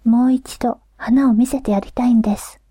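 An earnest young grandson from a folk tale, devoted and pleading, whispered by a woman reading the story. His whisper sits a little high and airy, close to the mic in a dry space. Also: fairly even intonation, normal speed, mellow, breathy edge, dry recording.

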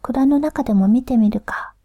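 A woman voicing a simple, curious man from an old folk tale in a soft whisper with rustic old-style speech. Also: on the high side, moderate pace, no room sound, highs cut off. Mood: musing.

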